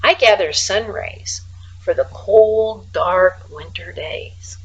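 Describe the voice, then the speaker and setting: A woman voicing a calm, dreamy male field mouse poet in a children's storybook, speaking slowly and earnestly. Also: medium pitch, husky, highs cut off. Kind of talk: children's storybook read-aloud.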